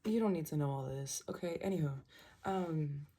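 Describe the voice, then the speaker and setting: This young woman gives a casual tarot reading from home in the early morning, with birds chirping outside a small room described as being at night. Her voice is low, mellow and at a normal speed. She rambles, trails off and cuts herself off.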